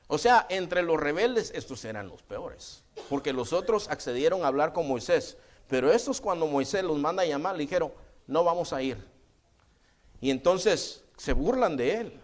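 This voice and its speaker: Pastor preaching conversationally. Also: male voice, on the high side, lively intonation, moderate pace. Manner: conversational preaching, often addressing listeners as brother; acts out quoted voices in dialogue. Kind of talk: sermon.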